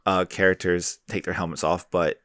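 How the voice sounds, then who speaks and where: A man co-hosting a casual review podcast, opinionated and quick to trash-talk what he dislikes. His voice sits fairly low. The sound is dry and close. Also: level tone, a bit bright, no room sound. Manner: opinionated, likes trash-talking. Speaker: podcast co-host.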